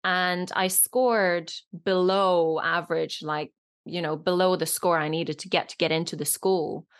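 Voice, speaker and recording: Chatty Norwegian-born actress, low voice. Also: female voice, fairly even intonation, a little slow. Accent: British-leaning, not clearly foreign. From Norway. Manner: chatty, many fillers and restarts. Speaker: actress, guest. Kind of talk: casual interview chat.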